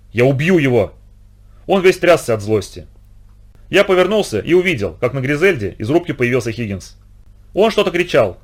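A man reading a first-person adventure novel aloud as an audiobook narrator, in an expressive, dramatic way. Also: medium pitch.

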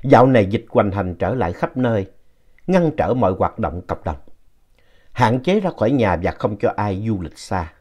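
A man telling ghost stories in an expressive, playful narration, reading out a listener's letter. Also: fairly low pitch, moderate pace, breathy edge. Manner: animated, playful reading with lively shifts in tone.

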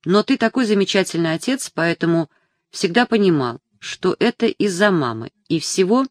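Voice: mid-range voice, animated, moderate pace, dry recording, lightly acted. A reader voicing a grown daughter, anxious and tearful, pleading earnestly with her father in an audiobook. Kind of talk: audiobook character reading.

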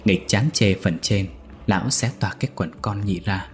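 Low-voiced man narrating a ghost story. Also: faint music behind. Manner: measured, steady storytelling.

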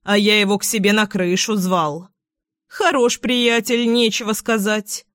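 A woman's voice: medium pitch, fairly even intonation, a little slow, no room sound, studio quality, natural voice. Furious little sparrow, as a woman reads him. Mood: indignant. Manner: angry shouting, indignant complaining. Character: hot-tempered male sparrow, shouting in fury.

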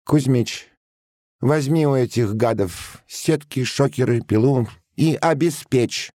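A man voicing a heavyset army sub-lieutenant with a high, almost womanly voice, barking curt orders. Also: slow pace, warm tone, no echo, clean studio sound, lightly acted. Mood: commanding.

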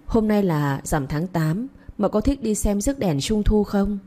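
A woman's voice: medium pitch, lively intonation, a little slow, warm tone. A woman voicing a mischievous young husband in a spoken story, bossy and coaxing by turns.

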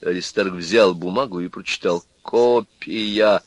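A man narrating an audiobook in an expressive reading style. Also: lowish voice, normal speed, no echo.

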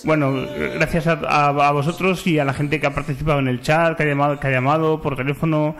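A man co-hosting a radio show, relaxed and a bit hesitant, with fillers. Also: a little high, fast. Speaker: radio co-host. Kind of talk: casual radio chat.

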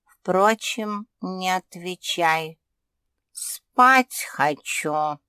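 A woman voicing a lazy, sleepy male cat who answers in a wheezy, grumbling voice, slow and dry. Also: sits low, fairly bright tone, no echo. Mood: grumpy lazy.

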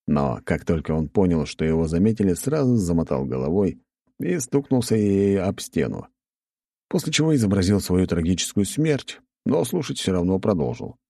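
A man narrates a story in an expressive, lively way. His voice is low and dark, recorded dry and close. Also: moderate pace, creaky, dry recording. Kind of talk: audiobook narration.

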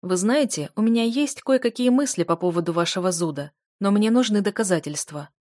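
A woman reading the lines of a worldly, wry man of about fifty in an audiobook, speaking in an unhurried, amused way. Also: medium pitch, expressive, darkish tone, no room sound, clean studio sound, natural voice. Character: dry, ironic 49-year-old man, worldly.

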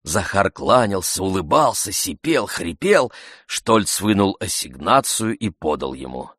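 A man reading a classic novel aloud as narrator, expressive and measured. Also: low-pitched, breathy edge, no room sound, studio quality.

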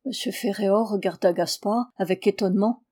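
A woman reads a classic novel aloud as an audiobook. Her narration is measured and even, and her voice sounds mellow and warm. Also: medium pitch. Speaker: reader.

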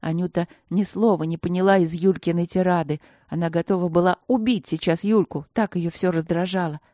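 A woman reading a children's storybook aloud in a steady, even-paced manner. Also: lowish voice, fairly quick, no echo, studio quality. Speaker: audiobook narrator. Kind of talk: storybook narration.

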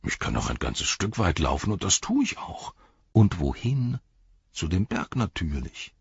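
A man's voice: deep voice, sing-song, unhurried, vocal fry, breathy edge, no echo, muffled recording, exaggerated voice. A man doing a weary, stubborn hobbit. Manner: defiant, dogged.

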